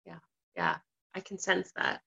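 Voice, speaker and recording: A woman's voice: on the low side, very animated, a little slow, creaky, sharp tone. A woman hosting an online interview, praising her guest effusively. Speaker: host. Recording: dull lo-fi sound.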